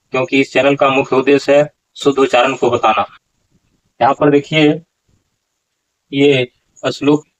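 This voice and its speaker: A man teaching how to pronounce a Gita verse. He talks slowly, asks questions and corrects recitations. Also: on the high side, rough recording. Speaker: Sanskrit pronunciation teacher.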